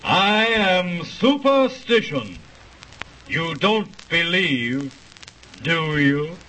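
A man's voice: fairly high pitch, very animated, drawn-out words, bright, forceful tone, soft background music, full character voice, poor audio. A man playing an ominous, mocking spirit of superstition in an old radio drama.

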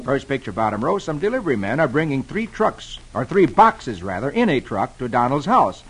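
Lively man reading the radio funnies. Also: medium pitch, fairly quick, faint music behind. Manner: lively, animated storytelling. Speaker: radio host reading the comics. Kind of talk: reading comics aloud on radio. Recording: noisy old radio broadcast recording.

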